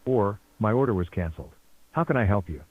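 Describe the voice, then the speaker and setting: Recorded phone message voice, lowish male, measured polite prompts, tinny dry phone line. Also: animated, no echo. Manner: measured, polite menu prompts, repeats itself. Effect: recorded phone message over a phone line. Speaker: automated phone menu.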